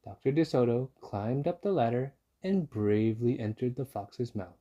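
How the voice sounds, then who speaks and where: A man's voice: medium pitch, lively intonation, normal speed, mellow, muffled recording. A man narrating a children's story from a book, as a read-aloud. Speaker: storybook reader.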